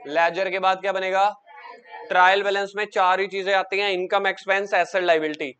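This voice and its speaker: A man teaching an accounts class, drilling students with quick questions and coaxing answers from them. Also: sits high, little pitch movement, a bit bright, dull audio. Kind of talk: classroom lecture.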